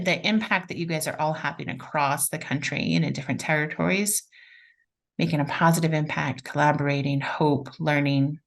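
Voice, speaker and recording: A woman hosting a live webinar, enthusiastically reading out chat responses. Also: low voice. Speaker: webinar facilitator.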